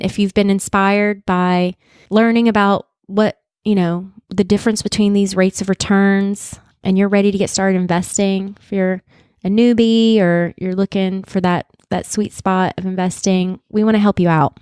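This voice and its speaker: A woman's voice: mid-range voice, darkish tone, clean tone, no echo, clean studio sound. A woman co-hosting a casual podcast, upbeat and chatty, who also reads a legal disclaimer. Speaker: podcast co-host.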